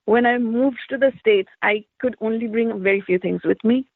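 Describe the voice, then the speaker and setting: Speaking over a dry, tinny line that sounds like a phone, a woman from India who works as an artist and teacher answers interview questions conversationally, reflecting on her life in stories and saying "like" a lot. She has a mid-range voice with vocal fry and there's no room sound.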